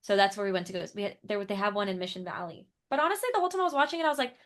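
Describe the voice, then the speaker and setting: A young woman co-hosting a podcast in casual chat, animated and rambling, laughing often, just getting over being ill. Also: medium pitch, very fast. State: recovering from illness. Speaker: podcast co-host.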